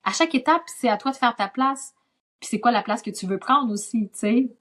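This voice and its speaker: Chatty woman with a softened Gaspésie accent. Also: fairly high pitch, a little fast. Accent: Gaspésie French, softened toward standard Quebec French. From Gaspésie, Quebec. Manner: chatty, lively storytelling full of asides. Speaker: guest, actress. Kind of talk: casual podcast conversation.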